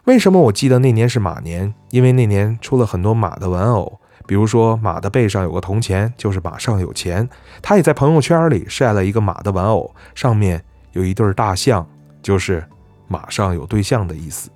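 A man reads a story aloud in a calm, conversational style. His voice sits low and mellow, recorded close and dry, with soft music faintly underneath. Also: a little fast, no room sound. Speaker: narrator. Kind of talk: scripted story narration.

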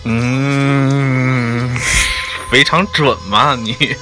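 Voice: medium pitch, fairly even intonation, drawn-out words, over music. A playful, teasing host chatting casually and comically, given to exclamations. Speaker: talk show host. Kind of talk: casual comedic chat.

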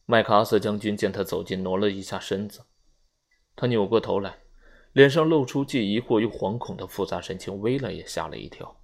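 Male audiobook narrator, low gravelly voice, measured delivery.

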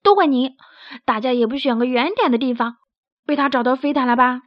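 A woman voicing a loud-mouthed, bossy field mouse villain who scolds and grumbles. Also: high-pitched, brisk, dry recording, close to an everyday voice. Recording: dry, slightly dull recording.

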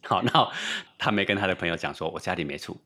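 A man's voice: sits low, lively intonation, fast, bright, forceful tone. A man lecturing in dialogue, emphatic and rhetorical, often asking his listener if he is right. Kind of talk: lecture on Confucian ethics in dialogue.

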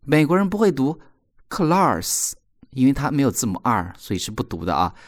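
A man teaching English pronunciation in a recorded lesson, explaining patiently and repeating example words slowly. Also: medium pitch, big pitch swings.

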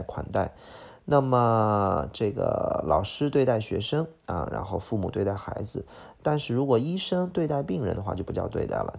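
A man with a gravelly, husky voice, a native Chinese speaker, teaching a vocabulary lesson. He explains each word, repeats its pronunciation, and often says "OK". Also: fairly low pitch, a little mellow.

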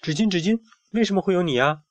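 A man's voice: high-pitched, expressive, fast talker, pitched above the performer's own voice. A man voicing a small, timid, curious boy who asks plaintive questions. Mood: wistful.

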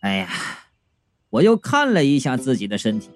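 A man narrating a comic first-person story in an expressive, playful way, full of little asides. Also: mid-range voice, moderate pace, faint music behind. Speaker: audiobook narrator.

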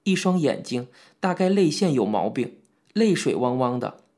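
A man with a mid-range voice reads a novel aloud as an audiobook narrator. The scripted narration unfolds in a measured, even storytelling manner.

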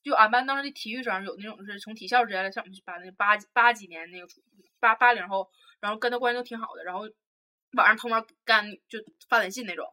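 A young woman with a Northeastern Chinese accent, co-hosting a podcast and telling animated gossip about her school days. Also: medium pitch, fast. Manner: animated gossiping, acts out voices. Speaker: podcast co-host. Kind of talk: casual storytelling chat.

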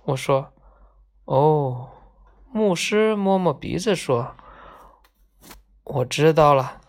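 A woman reading a children's storybook aloud, gently voicing each character in turn. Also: low voice, animated. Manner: slow, gentle, acts out each character's lines.

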